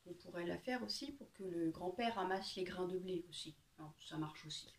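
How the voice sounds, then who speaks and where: A woman reading a children's picture book aloud with lively, expressive storytelling. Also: lowish voice, normal speed.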